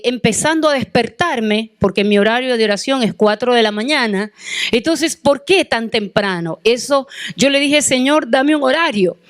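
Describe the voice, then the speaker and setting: High-voiced woman preaching a testimony. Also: no echo. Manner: earnest, addresses congregation directly with questions. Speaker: pastor's wife preaching. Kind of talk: sermon with personal testimony.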